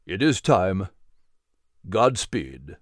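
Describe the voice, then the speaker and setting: A man voicing a wise storybook mentor, low and deliberate, yet still rising and falling as he gives his cryptic charge. The read is close and dry. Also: very animated, dry recording, full character voice. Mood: solemn. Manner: grave, measured pronouncements. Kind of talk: storybook character voice.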